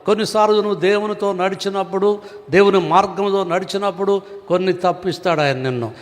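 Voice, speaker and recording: A man's voice: high voice, brisk. A man preaching a sermon as pastor, earnest and given to rhetorical questions. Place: church hall. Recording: long reverb of a church hall.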